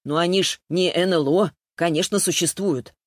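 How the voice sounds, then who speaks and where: A woman's voice: lowish voice, moderate pace, dry recording, close to an everyday voice. A chatty woman friend with a wry, gossipy way of talking, as a woman reading the book puts her on. The sound is dry and close. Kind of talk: audiobook character voice.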